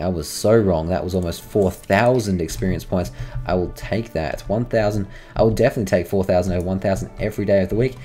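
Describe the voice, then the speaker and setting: Rambling man with a low, dark voice. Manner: chatty, rambling, talks to his game creatures. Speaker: gaming channel host. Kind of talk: let's-play commentary.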